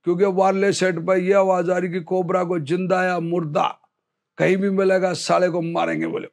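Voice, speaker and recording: High-voiced older army veteran telling a story. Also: male voice, normal speed, gravelly. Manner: lively storytelling, acts out others' lines. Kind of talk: storytelling in an interview.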